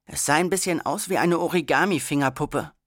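An audiobook reader tells the story in a schoolboy's first person, wry and conversational. The voice sits at a middle pitch. The recording is dry and close, with no room echo. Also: a little fast.

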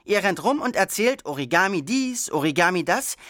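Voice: medium pitch, very animated, moderate pace, a bit bright, no echo. A bossy, impatient schoolgirl , as an audiobook reader puts her on snaps at the boys to get on with it. She growls her words with exasperation. The voice sounds dry and close to the mic.

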